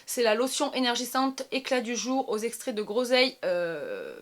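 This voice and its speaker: A woman's voice: fairly high pitch, a bit bright. A young woman chatting casually through her skincare routine, with many hesitant fillers. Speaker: beauty vlogger.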